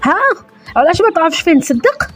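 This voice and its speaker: A woman's voice: extremely high pitch, sing-song, fast talker, soft background music. A woman playing a nagging older mother who pries and reproaches her grown son in a comedy sketch. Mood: reproachful. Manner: prying, reproachful questioning.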